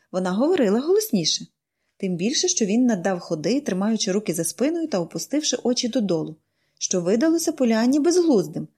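A woman narrating a children's novel in an expressive, measured reading voice. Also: medium pitch, husky. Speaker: audiobook narrator. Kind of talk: storybook narration.

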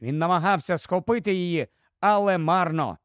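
A man narrating a fantasy story in a lively, dramatic storyteller manner. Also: sits high, normal speed, no echo, clean studio sound.

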